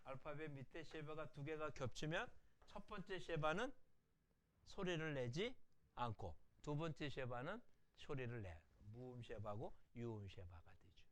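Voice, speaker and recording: A middle-aged man teaches an online language course in a slightly high voice. His pitch swings widely as he explains. He poses rhetorical questions, answers them, and repeats sample words slowly. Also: lively intonation, fairly bright tone, slight background noise. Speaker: Hebrew language lecturer. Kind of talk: recorded online lecture.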